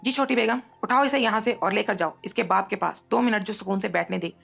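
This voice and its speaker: A woman's voice: medium pitch, fairly quick, vocal fry, fairly bright tone, soft background music. A woman voicing an irritable young wife and mother who snaps and scolds, in a storybook reading. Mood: irritated. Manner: snappish and scolding.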